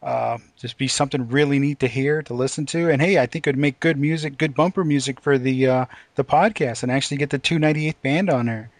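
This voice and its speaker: A man's voice: medium pitch, fairly quick, hardly any pauses, no echo. A man hosting a podcast, chatting casually with his guest. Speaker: podcast host. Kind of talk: casual interview chat.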